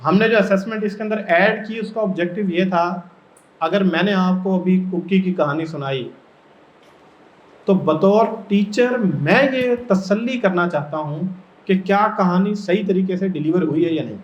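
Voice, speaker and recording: High-voiced man leading a teacher workshop. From Pakistan. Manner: explains step by step and keeps asking the audience questions. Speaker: teacher trainer. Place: training room. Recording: echoey room, dull lo-fi sound.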